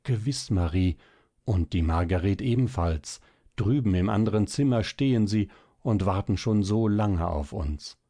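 A man reading a storybook voicing a gentle, ardent young suitor who speaks low and hushed. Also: lively intonation, a little slow, no echo, studio quality. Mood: soothing.

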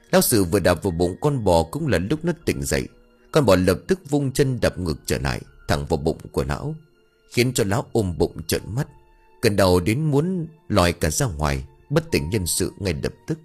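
Husky man telling a horror story. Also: low voice, darkish tone. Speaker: narrator. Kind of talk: audiobook horror story narration. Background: faint music.

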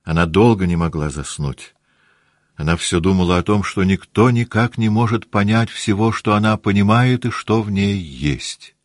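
A man narrating a classic novel as an audiobook, in a measured, expressive reading. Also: on the low side, dry recording, studio quality. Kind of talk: scripted literary narration.

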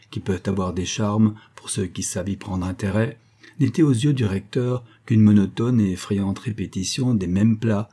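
A man giving a measured, even reading of a classic novel as narrator. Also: on the low side, slightly rough. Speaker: audiobook reader.

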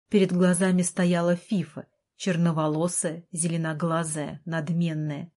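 A woman reading an audiobook aloud in an even storytelling manner. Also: on the low side, husky. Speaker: audiobook narrator. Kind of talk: scripted audiobook narration.

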